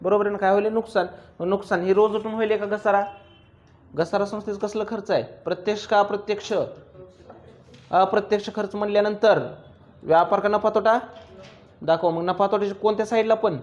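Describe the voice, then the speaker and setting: This high, steady-toned voice belongs to a male commerce teacher drilling his class with rapid questions and playful jabs during a lecture. The sound quality is dull.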